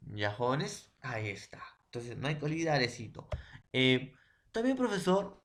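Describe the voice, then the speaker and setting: In this classroom lesson, a man from Peru with a medium-pitched, fairly bright voice sounds out words one syllable at a time for his secondary school language students. He keeps asking "¿ya?" and "¿no?" to make sure they follow, and answers his own questions, all at a slow pace.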